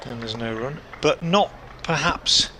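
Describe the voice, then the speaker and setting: A man working as a cricket commentator, calling play ball by ball in a measured way with pauses mid-sentence. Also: medium pitch, sharp tone. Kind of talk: live cricket commentary with unhurried ball-by-ball description. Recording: outdoor ambient noise behind voice.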